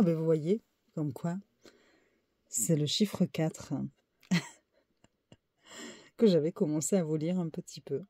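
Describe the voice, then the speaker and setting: A woman who reads oracle cards, slowly listing the card names one by one and unsure how to say some of them. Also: sits low, dark tone, breathy edge, no echo. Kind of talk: slow card-deck walkthrough.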